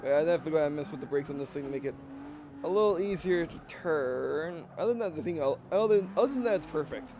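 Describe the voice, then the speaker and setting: Over a noisy background, a man talks fast in a voice on the high side as he plays a racing game for a let's play. His accent blends Southern and Russian features, and his casual commentary rambles, self-corrects and bursts into excited reactions.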